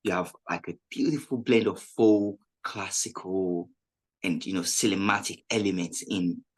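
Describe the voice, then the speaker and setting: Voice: sits low, fairly even intonation, unhurried. A radio interviewer asking questions in an encouraging way, with many "you know" fillers.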